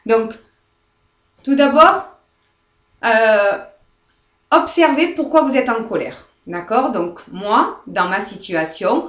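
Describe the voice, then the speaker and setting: A French woman therapist guiding viewers through releasing anger, speaking softly and hesitantly, often asking "d'accord?" and near tears. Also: a little high, animated, slow, long pauses. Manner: soft, repetitive, often checks with "d'accord?"; hesitant, many fillers and restarts. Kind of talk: live guided demonstration. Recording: echoey room.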